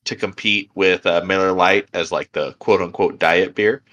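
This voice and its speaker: Bright-voiced young man rambling casually. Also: sits low, fairly even intonation, moderate pace, dull audio. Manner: rambling, filler-heavy, laughs easily. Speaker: podcast co-host. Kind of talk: casual chat.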